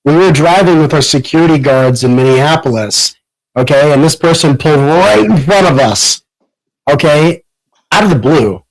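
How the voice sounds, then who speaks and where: A man's voice: a little high, lively intonation, moderate pace. A man chatting bluntly on a talk stream, his voice distorted by a clipping microphone. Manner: blunt, keeps saying "okay" while telling a story. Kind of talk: casual chat.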